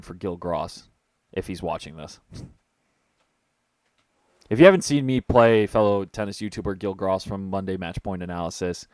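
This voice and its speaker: Young male streamer, low dry voice, casual excitable play-by-play from home. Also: no echo. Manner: chatty, excitable, jokes with people off mic. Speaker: tennis commentator and host. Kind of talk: casual live-stream commentary.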